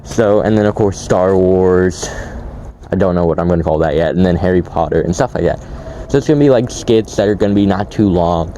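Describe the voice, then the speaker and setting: A low, dark-toned man chats loosely at a camera outdoors, full of ums and restarts. He is shivering in the cold, and his voice cracks now and then. Faint outdoor noise sits behind him. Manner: rambling, many fillers and restarts. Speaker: outdoor building vlogger. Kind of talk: casual vlog narration. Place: outdoors by a creek.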